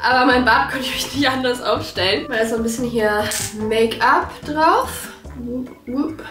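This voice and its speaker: A woman's voice: a little high, a little slow, reverberant, music in the background. A young woman chats casually to viewers in informal, slang-sprinkled speech, her articulation slightly affected by braces. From Germany. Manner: chatty, informal with English slang. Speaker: vlogger.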